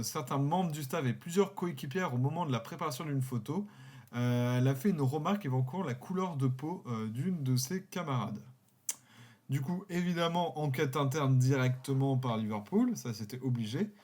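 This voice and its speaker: A man's voice: mid-range voice, darkish tone. A man co-hosting a football podcast, talking casually and at length, explaining a story with the odd light joke. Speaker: podcast co-host. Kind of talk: casual sports podcast talk.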